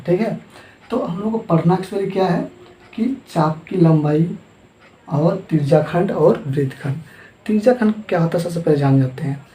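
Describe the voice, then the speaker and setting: A man with a slightly high, mellow voice teaches math at a board, his voice echoing in the room. His accent is from Hindi-speaking eastern India, Jharkhand, and he asks questions, answers them himself, and repeats terms.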